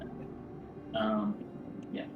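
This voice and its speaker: A man's voice: drawn-out words, phone-quality sound, very noisy. A man casually narrating and refereeing as the game master of a tabletop role-playing game. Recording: roomy, distant mic, music behind.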